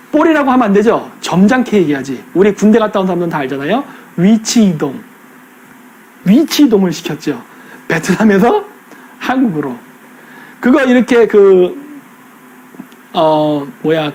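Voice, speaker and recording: A middle-aged man rants through a casual political commentary with a high voice that swings widely in pitch. He drops into coarse slang and acts out the people he quotes. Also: darkish tone, a little hiss or hum. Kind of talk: casual ranting monologue.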